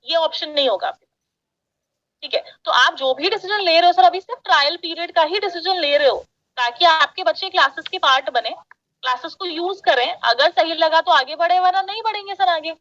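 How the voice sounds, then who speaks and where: A woman's voice: high voice, pushed and bright, lo-fi sound. A woman working as an education sales counselor, pressing a parent on the phone and talking over his objections. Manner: pushy, persuasive, talks over the caller. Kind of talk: sales call.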